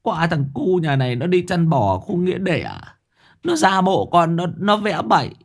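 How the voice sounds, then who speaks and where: High voice, whimpering, pleading, boy ghost in a spooky story, done by a man. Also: big pitch swings, normal speed, heavily acted. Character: whining ghost of a teenage boy.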